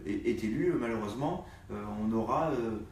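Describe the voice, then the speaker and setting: Halting man, distant and echoey. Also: medium pitch, expressive, a little mellow, a little hiss or hum. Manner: halting, many fillers. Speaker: party activist. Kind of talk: live political discussion. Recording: distant echoey room sound.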